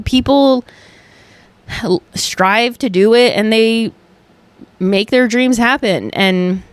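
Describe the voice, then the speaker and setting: A woman's voice: mid-range voice, no room sound. Emphatic woman chatting on a podcast. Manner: emphatic, heavy use of "like", swears casually. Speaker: podcast host. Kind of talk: casual podcast chat. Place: at home on a couch.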